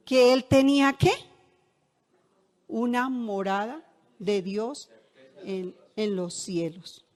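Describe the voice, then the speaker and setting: Woman, middle-aged, pastor, conversational sermon, rhetorical questions, slightly high voice. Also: slow, a little mellow. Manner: asks the congregation rhetorical questions; conversational, shares personal anecdotes.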